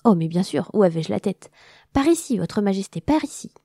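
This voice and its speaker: A woman's voice: medium pitch, expressive, brisk, creaky, warm tone, dry recording, studio quality. A woman voicing a kind, courteous male butterfly who watches the garden at night. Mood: eager. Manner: kindly, fussing, courteous.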